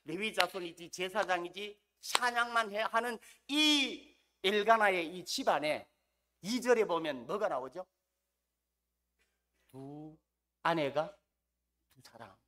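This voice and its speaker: A fervent preacher with a bright, sharp-edged voice gives a Sunday evening sermon in church. The delivery rises to ringing shouts, then sinks to near-murmurs at the ends of phrases. Rhetorical questions keep the congregation involved. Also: medium pitch, lively intonation, slow pace, pauses often. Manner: impassioned, swinging from loud shouts to quiet trailing drops. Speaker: pastor.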